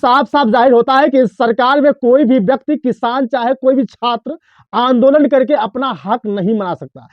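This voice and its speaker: A man's voice: very high-pitched, no echo, muffled recording. A man presenting explanatory news commentary, emphatic and rhetorical, addressing listeners directly.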